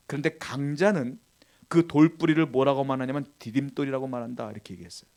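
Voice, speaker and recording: A male pastor preaching a sermon, questioning the congregation and swinging between forceful emphasis and quiet asides. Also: fairly high pitch. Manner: emphatic preaching with rising and falling intensity, asks the congregation questions.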